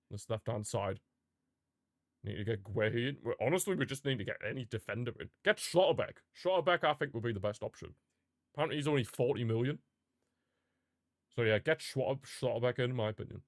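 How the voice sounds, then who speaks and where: A man streams his live reaction to a football match, ranting in passionate, frustrated fan outbursts and calling out to his chat viewers. His voice is mid-range, recorded with studio quality and no room sound.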